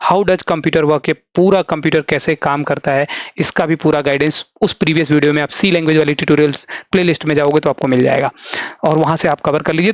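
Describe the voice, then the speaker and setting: Fast-talking Indian programming teacher. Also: male voice, on the high side, no room sound. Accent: Indian English. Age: adult, has a three-year-old son. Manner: explains step by step, asks and answers his own questions. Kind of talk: Hindi-English tutorial lecture.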